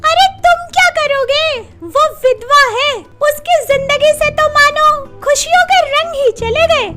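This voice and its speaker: A chatty young friend, very high. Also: female voice, measured pace, over loud music. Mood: sympathetic. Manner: gossipy, sympathetic.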